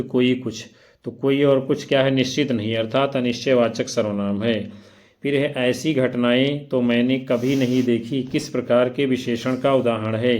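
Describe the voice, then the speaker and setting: A man's voice: mid-range voice, darkish tone. Male tutor with a mid-range voice for an exam prep lesson; reads the questions and options aloud, then explains each answer. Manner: spells out syllables slowly one by one. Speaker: teacher.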